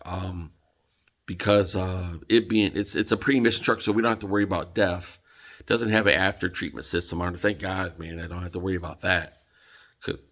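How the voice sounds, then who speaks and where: Tired, low-voiced man rambling about trucks. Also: a bit bright. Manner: rambling, many fillers and restarts. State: tired, yawning. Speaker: trucker vlogger. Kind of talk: casual vlog talk.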